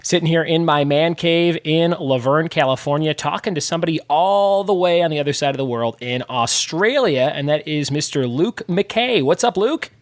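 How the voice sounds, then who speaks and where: A man in his thirties hosting a casual trivia podcast from a home room, chatty and upbeat with quick laughs. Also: on the high side, lively intonation, no echo. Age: 30s. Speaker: podcast host.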